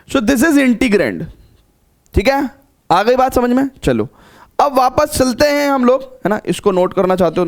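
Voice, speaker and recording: Math teacher, male, high pitch, coaxing repetitive lecture style. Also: darkish tone. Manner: coaxing, repeats phrases with frequent check-ins. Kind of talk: classroom lecture.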